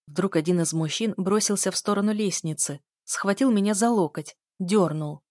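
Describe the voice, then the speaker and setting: A woman narrating a first-person story in a steady, scripted audiobook read. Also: mid-range voice, normal speed, dry recording, studio quality.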